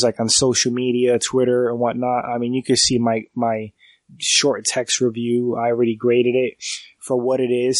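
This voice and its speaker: Congested from a cold, a mid-range male voice rambles through a podcast film review, restarting sentences and relying on fillers. His tone stays fairly flat throughout. The sound is dry and close-miked, with no echo from the room.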